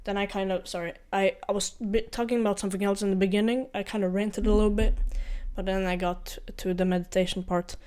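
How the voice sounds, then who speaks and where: Talking fast with few pauses, this young Ukrainian vlogger has a high, smooth, darkish voice with a level tone and an accent mixing Ukrainian and Norwegian. His casual advice is earnest and meandering, full of self-corrections and repeated points.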